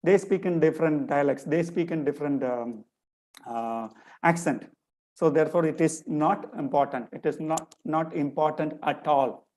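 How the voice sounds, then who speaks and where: Speaking at normal speed in a voice that is a little high and a little mellow, an Indian man with a Tamil English accent and a hint of Malayalam answers a question as a guest lecturer. His webinar talk over a video call is earnest, and he often repeats his key phrases.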